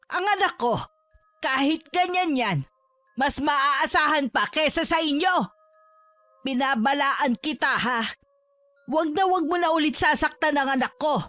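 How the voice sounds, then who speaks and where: A woman's voice: a little high, no room sound, natural voice. A woman voicing a loving mother who is tender with her son and fierce toward those who threaten him. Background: faint music.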